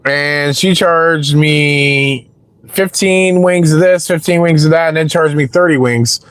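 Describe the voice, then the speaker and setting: Man, casual stream chat, rambling, curses a lot, slightly high voice, dry close sound. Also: unhurried, fairly bright tone, clear, resonant tone, dry recording. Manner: chatty, rambling, swears freely. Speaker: rideshare driver live-streaming to chat.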